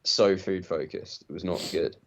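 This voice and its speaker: A young man with a very deep voice, joking around on a podcast. His banter is teasing and relaxed. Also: moderate pace, gravelly. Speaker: podcast co-host. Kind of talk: casual chat.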